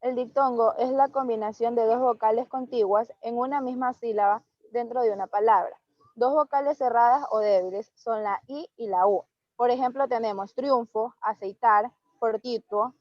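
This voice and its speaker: A woman's voice: fairly high pitch, dry recording, muffled recording. A woman student reading her part of a class presentation plainly, then handing over to the next speaker.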